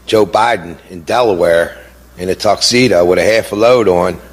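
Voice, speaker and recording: A middle-aged man, a bereaved father giving impassioned testimony, blunt and indignant, repeating words for emphasis and firing off rhetorical questions. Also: low voice.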